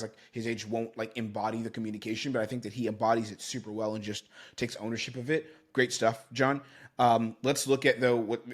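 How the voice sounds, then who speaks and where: A man in his thirties, a sales coach giving commentary on a recorded sales call in a quick, run-on coaching manner. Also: mid-range voice. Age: 30s.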